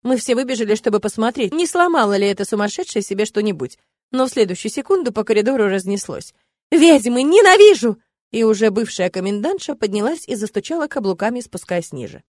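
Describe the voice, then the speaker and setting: A woman narrating a first-person audiobook in a wry, lively storytelling manner. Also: mid-range voice, fast talker, no echo, studio quality.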